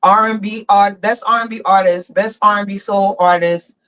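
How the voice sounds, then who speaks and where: Speaking into her phone from a barber chair, a woman hosts a chatty, energetic casual podcast. Her mid-range voice is steady and fairly bright at normal speed, with the lo-fi sound of a phone mic.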